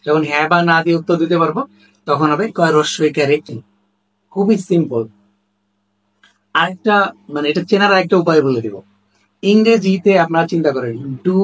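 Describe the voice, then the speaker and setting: A man's voice: on the high side, normal speed, long pauses, rough recording. A man explaining a spelling rule in a lesson, emphatic, repeating example questions. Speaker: language teacher.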